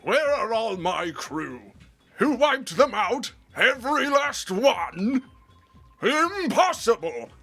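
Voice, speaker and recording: A brutish, gorilla-like villain boss rants in a strained, sharp shriek, as a man puts him on for a game dub. He stretches every word slowly and loudly, pitched far above an everyday voice. His fury never lets up. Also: sing-song, creaky, faint music behind, full character voice. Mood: enraged. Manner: shrieking, drawn-out ranting.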